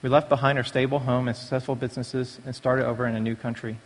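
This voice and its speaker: At a church recovery meeting held in a big echoing hall, a man shares a prepared testimony of his life. Born in Taiwan, he moved to the United States at five. His medium-pitched voice barely moves in pitch, and he speaks quickly over a long reverberant echo.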